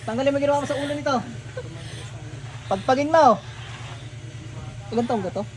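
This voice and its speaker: A faith healer with a very high-pitched voice speaks fairly quickly as he leads a ritual, commanding spirits and sternly taunting and questioning them. The recording was made in a noisy room.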